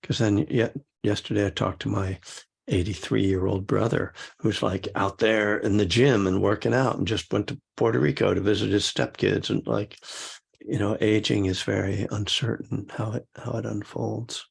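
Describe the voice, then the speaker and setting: A man's voice: lowish voice, fairly even intonation, normal speed, vocal fry, slightly rough. An older man and meditation teacher gives a rambling, casual dharma talk, chuckling often and full of fillers.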